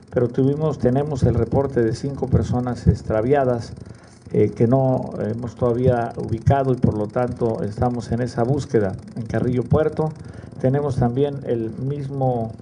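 A middle-aged man with a Mexican accent, an official giving a press conference briefing into table microphones. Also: mid-range voice. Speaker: government official. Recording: clear background noise, clicks.

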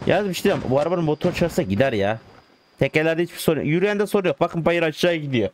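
A man with a slightly higher-pitched voice chats his way through a driving game. He jokes, talks to the game and calls out to his viewers in loose, casual commentary. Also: expressive, quick pace, no room sound. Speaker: gaming streamer.

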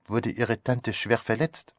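A man reading an audiobook voices a fastidious elderly male detective who asks polite, measured questions. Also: medium pitch, steady tone, no echo, studio quality. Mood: probing. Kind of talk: audiobook character voice.

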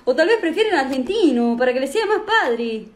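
A woman voicing a male genie on a budget, who talks in a folksy, drawn-out, playfully theatrical way. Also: high-pitched, a bit bright. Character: cheap male genie with a fake Mexican accent.

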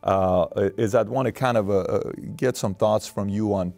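Speaking at a moderate pace in a low, creaky voice, this Iranian host in his thirties introduces his show and conducts an interview. The studio set has a wood-panel wall, and he comes across as animated and sincere, full of fillers and gesturing hands.

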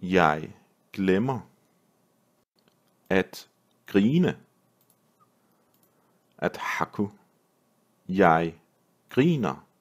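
A man, a language teacher, reading a vocabulary list word by word with pauses and repeating each phrase. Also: sits low, big pitch swings. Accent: Danish. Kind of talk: slow vocabulary drill reading.

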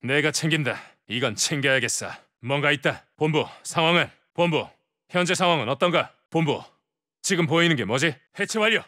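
A man's voice: a little high, expressive, moderate pace, sharp tone, dry recording, clean studio sound. A man voicing a tough, cocky special-forces soldier, delivering clipped combat callouts as video game voice lines. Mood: terse, quiet. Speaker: military operator.

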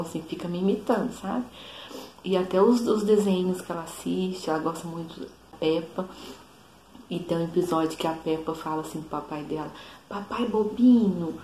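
A young woman with a Brazilian Portuguese accent, chatting casually to camera as a mother vlogger, often asking "sabe?". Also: darkish tone. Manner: chatty, says "sabe?" often, quotes her toddler in a higher voice. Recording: echoey room with faint background noise.

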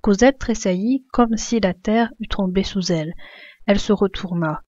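Reader: woman, expressive literary reading, dark mellow tone, dry lo-fi sound. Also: medium pitch, moderate pace, dry recording. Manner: expressive, voicing the characters' shouts.

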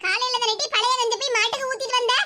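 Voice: extremely high pitch, fairly even intonation, fast talker, heavily acted. A performer voicing a bitter, grumbling old mother in a cartoon, with a Tirunelveli Tamil accent and a scolding, self-pitying way of talking. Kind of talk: cartoon voice acting. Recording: loud background noise.

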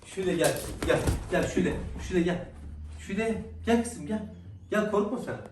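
A man with a high voice talks fairly quickly, far from the mic, as he vlogs at home and affectionately coaxes his dogs between remarks to viewers. The audio is echoey and off-mic, with a noisy background.

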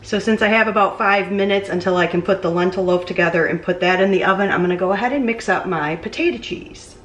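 A woman's voice: medium pitch, fast, a bit bright, distant mic, a little hiss or hum. Chatty woman cooking in an echoey kitchen. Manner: chatty, talks while cooking and moving around. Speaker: cooking vlogger. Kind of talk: casual cooking vlog. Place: small home kitchen. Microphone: camera mic, distance varies as she moves. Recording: roomy kitchen echo, off-mic at times.

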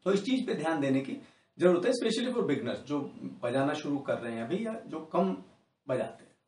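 Man with a hindi accent, harmonica teacher, high voice, echoey room, a little off-mic. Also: sing-song, darkish tone, far from the mic. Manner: slowly chants sargam note names to show note lengths; patient, explaining step by step. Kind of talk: spoken music lesson.

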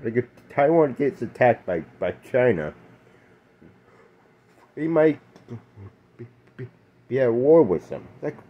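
A young man talks to his camera in a halting, stammering way, slowly and with a lot of fillers. He sounds shaken, and his pitch swings widely, jumping high when he breaks into angry outbursts. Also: big pitch swings, dull audio. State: shaking and upset. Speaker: vlogger. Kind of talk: casual rant to camera.

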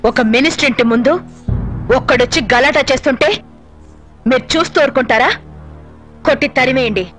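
An imperious villainess who gives commands in a high, haughty voice. Film music sits faintly in the background. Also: female voice, brisk, a bit bright. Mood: contemptuous. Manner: commanding, contemptuous. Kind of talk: dubbed film drama.

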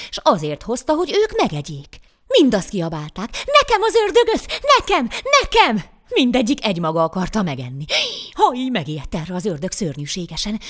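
A woman narrating a folk fairy tale in an expressive, animated storytelling voice. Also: medium pitch.

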